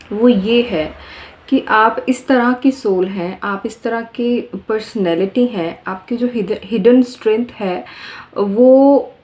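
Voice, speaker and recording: A woman speaks straight to her viewers as she reads tarot cards, at a middling pitch. She talks earnestly and often circles back to repeat her phrases. It sounds like casual, unscripted talk to a camera. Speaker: tarot reader. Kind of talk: casual spoken tarot reading.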